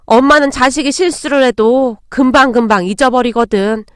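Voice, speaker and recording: A woman's voice: sits high, moderate pace, clear, resonant tone, dry recording, natural voice. A woman voicing a stern but loving older mother-in-law, firm with intruders and tender with her daughter-in-law.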